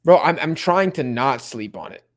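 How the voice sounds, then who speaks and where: A young man hosting a live football watch-along, chatting casually with viewers and getting excited at big plays. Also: mid-range voice, moderate pace. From Mexico-supporting fan. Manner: laid-back, chatty, bursts of excitement at plays. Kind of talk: casual live commentary and chat reading.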